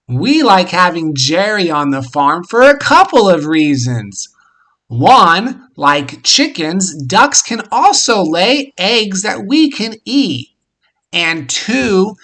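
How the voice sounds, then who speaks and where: Slow, bright-voiced man talking to toddlers. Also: high-pitched. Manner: speaks as if reading to a toddler, simple and encouraging. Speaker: host of a children's farm show. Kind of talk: educational talk for young children.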